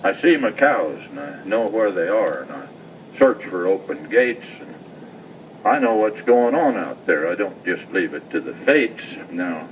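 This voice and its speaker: A middle-aged man with a rural American West accent and a folksy cowboy drawl, reciting cowboy poetry live. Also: low voice. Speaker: cowboy poet, rancher. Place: festival stage, live event. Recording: distant mic, muffled, noisy event sound.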